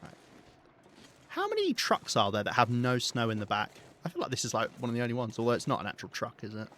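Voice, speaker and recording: Speaking fast in a sing-song, fairly bright medium-pitched voice, a southern English man streams a video game with casual, wry commentary, laughing and swearing now and then. A little hiss or hum is audible.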